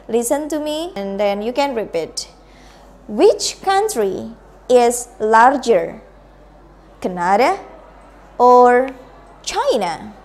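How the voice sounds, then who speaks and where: A young woman with an Indonesian accent teaching English pronunciation in a bilingual lesson, drilling examples with slow, exaggerated intonation. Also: sits high, a little mellow.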